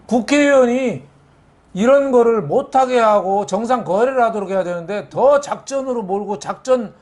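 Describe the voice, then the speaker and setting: Male guest pundit, high-pitched voice, blunt and emphatic, explains points plainly. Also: moderate pace, darkish tone. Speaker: guest commentator. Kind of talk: political talk show discussion.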